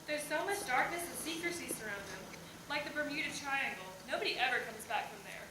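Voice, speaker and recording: A woman's voice: high voice, expressive, fast. Wry young woman in a stage monologue. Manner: wry, comic delivery. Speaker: stage performer. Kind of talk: comic theatrical monologue performance. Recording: echoey hall, far from mic, background noise.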